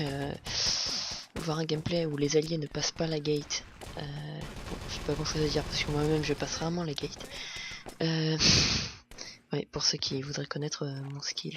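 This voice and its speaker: A man with a slightly high, creaky voice does casual, hesitant voice-over commentary on a game video, full of fillers and restarts. He records at home on a mic he admits isn't the best setup, and the noisy track carries game sounds and gunfire behind him.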